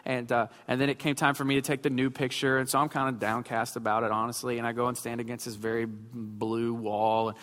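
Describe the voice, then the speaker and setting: A man's voice: mid-range voice, flat delivery, brisk, hardly any pauses, fairly bright tone. A pastor in his thirties preaching a sermon, mixing self-mocking humor with emphatic points. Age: 30s. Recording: long hall reverb with faint music.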